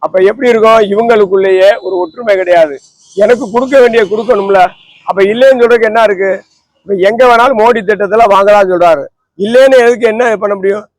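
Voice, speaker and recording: A man's voice: sits high, fast, no room sound, rough recording. A man, a holy man, talking outdoors under a tree in an impassioned, lamenting and preachy way. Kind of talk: impassioned talk.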